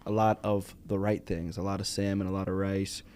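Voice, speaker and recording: A man's voice: deep voice, level tone, fairly quick, a little mellow, slight background noise. A young man in his twenties hosting a podcast, teasing his guest in a laid-back way. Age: 20s. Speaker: podcast host. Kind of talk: casual podcast chat.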